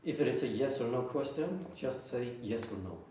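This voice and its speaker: A man's voice: medium pitch, normal speed, dark tone. A male teacher probes a student with pointed questions, often restarting mid-sentence. He sounds distant from the mic, in a very reverberant room with a faint hiss underneath. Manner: probing questions with frequent stutter-restarts. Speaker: teacher leading a reasoning exercise. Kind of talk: Socratic questioning session.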